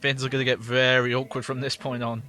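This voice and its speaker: Guy streaming a game, super bright voice, rambly chatty commentary, laughs a lot. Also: mid-range voice, level tone, fast talker. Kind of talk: casual gameplay commentary.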